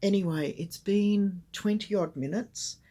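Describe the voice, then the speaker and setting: Older aussie lady, croaky voice, rambly craft vlog chat full of ums, tablet mic. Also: mid-range voice, measured pace, mellow. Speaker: craft channel host. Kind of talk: casual chat to camera. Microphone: tablet camera mic.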